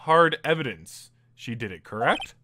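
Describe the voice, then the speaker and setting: A man's voice: fairly high pitch, expressive, moderate pace, heavy background noise, natural voice. A man voicing a cool, mocking male prosecutor who questions sharply, with game music behind. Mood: cold.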